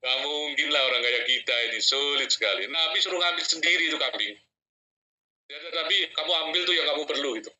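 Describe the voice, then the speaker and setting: A man giving a casual sermon, telling stories lively and joking with his listeners. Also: on the high side, quick pace, rough recording. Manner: lively storyteller acting out voices, jokes with audience. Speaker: preacher.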